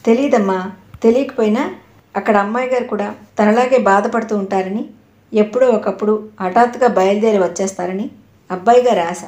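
A woman voicing an elderly male household servant who speaks in a gentle, respectful and amused way. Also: mid-range voice, brisk, natural voice. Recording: roomy echo.

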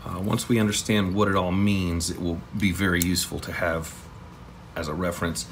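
A man's voice: low voice, level tone, brisk, slight background noise. A man casually talking through an electronics kit build at his workbench, thinking aloud with plenty of fillers. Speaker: electronics hobbyist host.

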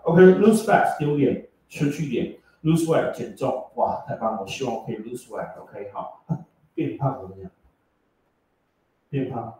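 A man's voice: mid-range voice, mellow, a little hiss or hum. A male English teacher, lecturing a class and teasing students as he explains words. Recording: echoey classroom from far off.

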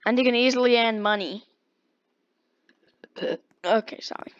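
A woman giving casual, excitable commentary while playing a video game, with sudden squeals and exclamations. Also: a little high, measured pace, dull audio. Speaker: gaming video host.

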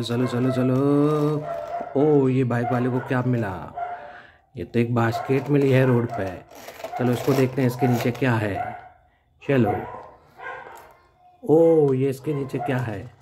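A man narrating toy play for children, full of excited exclamations and vroom noises. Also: medium pitch, noisy background. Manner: excited exclamations and motor sounds. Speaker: toy video host.

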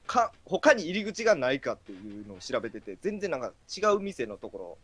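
A man's voice: medium pitch, big pitch swings, fairly quick, breathy edge, no room sound. Chatty man. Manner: chatty storyteller who acts out quotes. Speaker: stream co-host. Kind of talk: casual stream chat.

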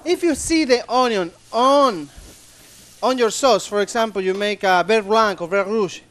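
Performing in the ship's show kitchen, this Chilean chef cracks jokes with the crowd in broken English while he demonstrates cooking live. His strong Chilean Spanish accent comes with a high-pitched, a bit bright voice, and he speaks a little slowly.

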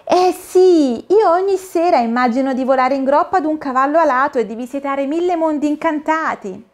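Brief: a woman doing a sweet, wide-eyed little girl in a storybook, pitched high and eager. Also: very animated, moderate pace. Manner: eager and wondering.

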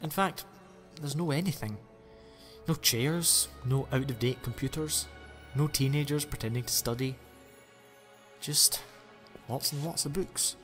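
A man's voice: medium pitch, fairly bright tone, natural voice. A man playing a quirky, chatty male time traveller who runs himself down, with music behind. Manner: quick, chatty and self-deprecating. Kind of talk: fan audio drama acting. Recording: long reverb with music behind.

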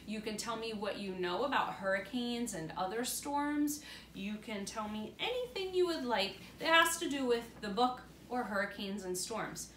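A middle-aged woman plays teacher to young children, reading them a picture book and explaining it at a moderate pace. Her fairly high, slightly bright voice has lively intonation. She's at home by a glass door, filmed by a camera a few feet away, with the room's echo and faint noise audible.

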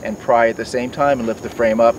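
A man's voice: mid-range voice, fairly even intonation, brisk, dull audio. Middle-aged man explaining beekeeping tools outdoors. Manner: explanatory, frequent fillers and restarts. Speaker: beekeeping mentor. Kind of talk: outdoor demonstration. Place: outdoors by garden foliage. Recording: distant mic, outdoor noise.

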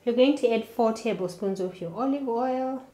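A woman in her thirties hosts a cooking show from her home kitchen, speaking to camera in a slightly high voice with a reverberant sound. She gives step-by-step recipe instructions in a slow, steady way.

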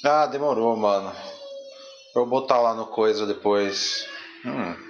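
A young man from Brazil giving casual, slangy commentary while he plays a card game, muttering to himself with sudden excitable bursts. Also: on the low side, unhurried, dull audio, slight background noise. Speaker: streamer playing a card game.

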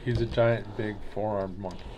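A man's voice: on the low side, steady tone, normal speed, dark tone, a little hiss or hum. A man co-hosting a toy review, chiming in with dry, teasing remarks. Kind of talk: casual chat.

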